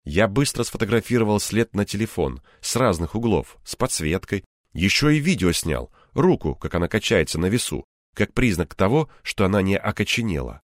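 A man narrating an audiobook in the first person, expressive and acting out the tension. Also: fairly low pitch, no room sound, studio quality.

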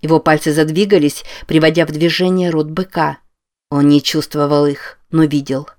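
A man reading a novel aloud as an audiobook narrator, with measured scripted narration. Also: on the high side, level tone.

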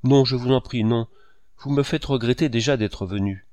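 Man voicing a cool, calculating young woman from a storybook reading, low gravelly voice, lively rises and falls, dry close sound. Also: moderate pace, no echo. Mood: firm refusal. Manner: nervous, pleading then cool.

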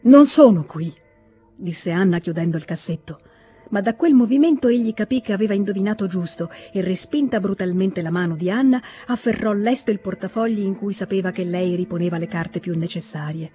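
Mellow audiobook narrator, measured and expressive, faint music underneath. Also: medium pitch. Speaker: audiobook reader. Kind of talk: scripted literary narration.

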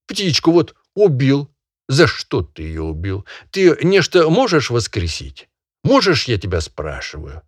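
A pompous country gentleman, voiced by a man reading aloud scolds and moralizes in a slow, drawn-out tone. His pitch swings widely as he preaches, and the sound is dry and close for a storybook reading. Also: no echo, exaggerated voice. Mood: indignant scolding. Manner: sanctimonious, drawn-out lecturing.

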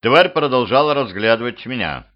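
A man narrating a humorous horror audiobook in the first person, with a steady, measured reading. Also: mid-range voice. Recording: muffled lo-fi home recording.

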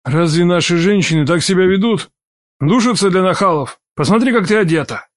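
A woman's voice: on the low side, animated, brisk, voice pushed down, natural voice. A woman doing an enraged scolding young man. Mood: raging, scolding. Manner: shouting, lecturing. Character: furious young male relative, domineering and scolding.

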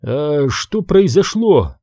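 A male reader voices a wounded man in a hardboiled audiobook, weak and straining for each word. The delivery is slow and soft, recorded dry and close. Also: on the high side, very animated, dry recording, heavily acted. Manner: faint, strained whisper-like.

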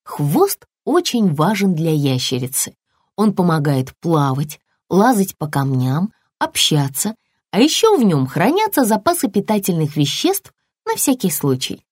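Lively woman reading a children's story. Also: lowish voice, measured pace, breathy edge, dry recording, studio quality. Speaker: audiobook reader.

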